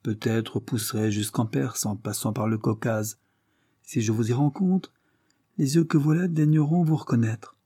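A man's voice: medium pitch, moderate pace, mellow, breathy edge, no echo, clean studio sound, lightly acted. A man voicing a teasing, haughty aristocratic princess in an audiobook reading. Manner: mocking, teasing.

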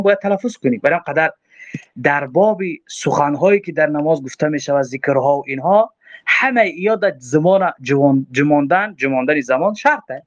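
A man with a Tajik accent explains a religious text, passage by passage, in a fairly high voice. He poses his own questions and answers them. The recording is dull and lo-fi. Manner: quotes Arabic then explains, asks himself questions. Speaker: religious teacher.

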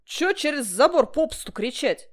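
A woman voicing a crafty, jovial older man with a loud, coaxing way of talking, in a storybook reading. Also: on the high side, sing-song, a little slow, voice pushed up. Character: sly folksy older man, cheerful old worker.

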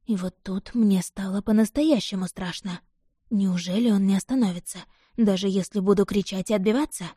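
Female audiobook narrator, first-person fiction, mellow dark tone, dry close recording. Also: medium pitch, steady tone, normal speed, husky, dry recording.

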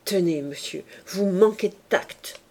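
A proud young bourgeois wife from a storybook reading, her voice shrill, loud and cutting as she hurls her indignation, as a woman reader puts her on. She sits high in the voice and jabs every phrase. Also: a little slow. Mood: disdainful.

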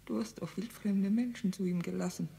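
An actress playing an aging mother who desperately pleads, mostly in hushed whispers, to be let in to her dying husband in a radio play. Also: mid-range voice, fairly even intonation, a little fast, vocal fry, a little hiss or hum, close to an everyday voice. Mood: tender pleading. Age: older.

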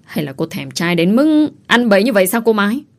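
A woman voicing a scheming young pregnant village woman who wails and pleads loudly. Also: medium pitch, sing-song, fairly quick. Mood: accusing. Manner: loud, wailing, pleading.

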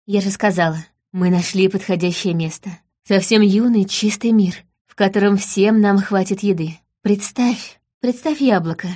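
A woman voicing a tearful young female fairy in an audiobook, speaking softly and pleading. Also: medium pitch, moderate pace, few pauses, close to an everyday voice. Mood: dreamy. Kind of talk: audiobook reading.

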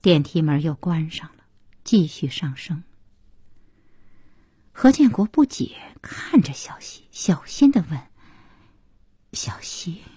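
Soft, breathy woman reading a novel. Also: sits low, sing-song, unhurried, long pauses, dry recording. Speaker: audiobook narrator. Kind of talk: scripted novel narration.

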